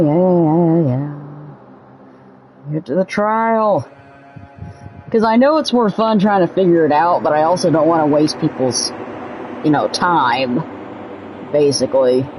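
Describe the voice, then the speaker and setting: A young woman with a deep voice hosts a let's play over game music and a noisy background. Her gameplay commentary is a casual, laid-back ramble, and she corrects herself as she goes.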